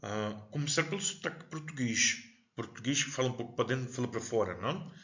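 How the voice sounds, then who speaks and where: A male teacher with a Paraná accent from southern Brazil gives a recorded class lecture in a medium-pitched, bright, forceful voice at a fairly quick pace. He is chatty and digressive, constantly checking in with the listener, and the audio sounds dull.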